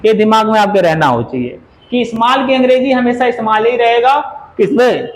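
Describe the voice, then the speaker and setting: A man with a strikingly high voice lectures a classroom of students as their grammar teacher. He keeps putting questions to the class and repeats words several times to drill them in. A faint hiss of noise sits under the recording. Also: moderate pace, poor audio.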